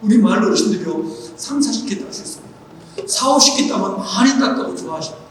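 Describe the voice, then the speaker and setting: A man preaching a sermon as pastor, drawing key phrases out slowly and dropping to a hushed voice when he quotes God. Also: high-pitched, expressive, a little hiss or hum. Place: large church hall. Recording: roomy echoing hall, voice picked up from far off.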